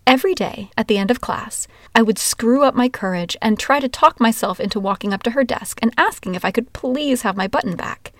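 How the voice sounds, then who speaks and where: A woman's voice: fairly high pitch, brisk, hardly any pauses, no echo, clean studio sound. Wry woman telling her own story. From Washington, USA. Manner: wry, candid, expressive. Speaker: memoir narrator. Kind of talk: first-person storytelling.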